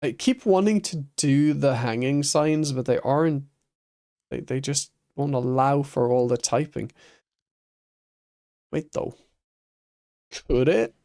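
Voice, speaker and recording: A man's voice: mid-range voice, takes it slowly, pauses often, dark tone. A man streaming a building game, thinking aloud and chatting with viewers, laughing easily. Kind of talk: casual chat while playing a building game.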